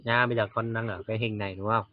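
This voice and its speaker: A man teaching English to a child, patient and coaxing, slowly repeating words to model how they sound. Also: fairly low pitch, flat delivery, no echo. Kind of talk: one-on-one English lesson for a child. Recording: dull, dry lo-fi recording.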